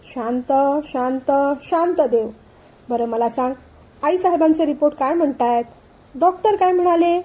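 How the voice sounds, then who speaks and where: A woman voicing a playful young man in a storybook reading, gently teasing and calming his friend. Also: sits high, brisk, natural voice. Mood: coaxing. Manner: playful, soothing, laughing. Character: cheerful teasing male friend, coaxing.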